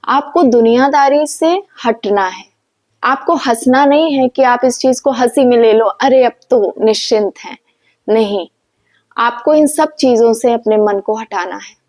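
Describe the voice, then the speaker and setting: A woman's voice: a little high, measured pace, a little mellow. A woman giving an earnest devotional talk, speaking as an instructive spiritual speaker who often asks rhetorical questions.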